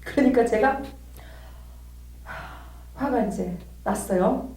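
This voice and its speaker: A woman teaching a church theology class, telling a personal story and acting out the dialogue with lively energy. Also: on the high side, takes it slowly. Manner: animated storytelling, acts out quoted dialogue. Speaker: theology lecturer. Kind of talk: church lecture with personal example. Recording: roomy, distant mic.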